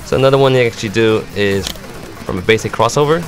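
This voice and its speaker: A lowish male voice moves fast through a step-by-step explanation of fighting game moves, delivered from a competitive gamer's perspective. Music can be heard behind him.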